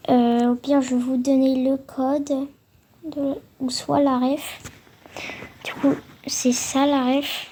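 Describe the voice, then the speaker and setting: A woman's voice: high-pitched, level tone, slow, warm tone, a little hiss or hum. A woman talking through a game tutorial, hesitant, with many fillers and restarts. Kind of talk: casual game tutorial voice-over.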